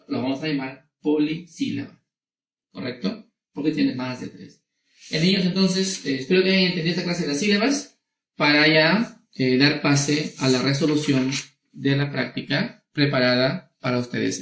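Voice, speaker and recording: A male schoolteacher giving a lesson to young children, spelling out words syllable by syllable and checking in with short tag questions. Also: fairly high pitch.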